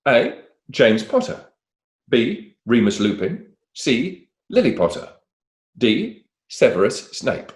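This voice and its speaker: A man's voice: medium pitch, big pitch swings, slow pace. Chatty man reading quiz questions. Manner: reads questions cheerfully, chatty and anecdotal. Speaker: quiz co-host. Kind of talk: playful quiz hosting.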